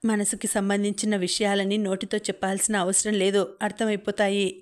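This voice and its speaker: A woman's voice: medium pitch, flat delivery, a little fast, close to an everyday voice. A woman voicing an emotional, impatient young woman in an audiobook novel. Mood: upset.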